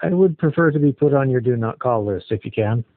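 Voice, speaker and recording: Stringing along a scammer on the phone, a man quizzes the caller in a blunt, doubting way. The line sounds tinny and narrowband, and his medium-pitched voice comes across animated and fairly quick.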